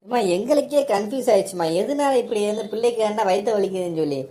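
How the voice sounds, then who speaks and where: A woman voicing a hospital doctor in a cartoon, calmly and patiently explaining to a mother. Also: mid-range voice, fast, slight background noise, natural voice.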